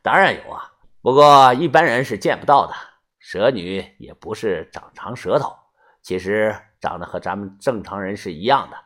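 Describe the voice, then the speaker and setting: Man doing a smooth, low-voiced gang boss. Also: animated, moderate pace. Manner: low, soft, ingratiating. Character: middle-aged local gang boss, smooth and smiling.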